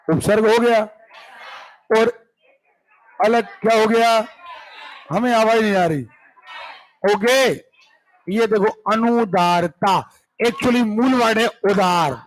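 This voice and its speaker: A man's voice: sits high, rough recording. A man teaching a grammar lesson in a classroom, drilling word lists and often checking whether his students understand. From India.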